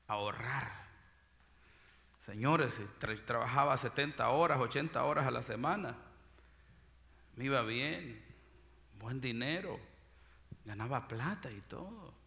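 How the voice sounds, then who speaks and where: A male pastor preaching a sermon, swinging from shouted peaks to low murmurs. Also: creaky, big-room sound.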